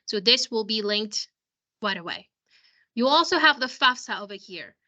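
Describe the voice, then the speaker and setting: Speaking to parents on a video call, a female school counselor who is losing her voice explains how some software works, often beginning her sentences again. Her voice is somewhat high and expressive, at a moderate pace.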